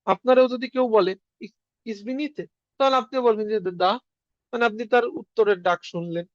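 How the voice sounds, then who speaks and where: Man, high voice, patient teacher on a dull lo-fi line, dry sound. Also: no room sound. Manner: explains step by step, repeats words slowly. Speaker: language teacher. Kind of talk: online class lesson.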